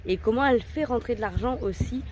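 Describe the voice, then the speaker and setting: A woman's voice: a little high, brisk, darkish tone, a little hiss or hum. A woman hosting a travel vlog, narrating casually on a farm with a chatty, filler-heavy manner. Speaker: vlog host.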